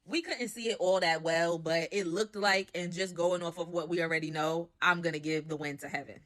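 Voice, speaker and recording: A woman's voice: lowish voice, steady tone, a little fast, a bit bright. A young woman giving a casual, opinionated and gossipy recap of a reality show, full of slangy asides.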